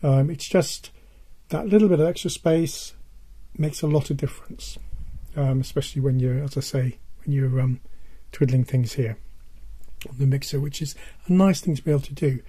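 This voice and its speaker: An older man presenting casually in a halting way, his hoarse, worn voice giving out as he stresses his points. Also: medium pitch, warm tone. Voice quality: husky, dull and worn. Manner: halting, repeats points for emphasis. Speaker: presenter of a music tech video. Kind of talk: casual product-advice talk.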